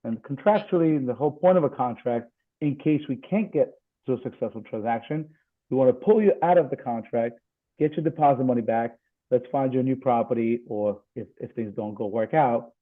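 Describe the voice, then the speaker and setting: A man, a real estate attorney, explaining things in a steady, measured way during a seminar. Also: medium pitch. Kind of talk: seminar presentation on video call. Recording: tinny phone-like call audio.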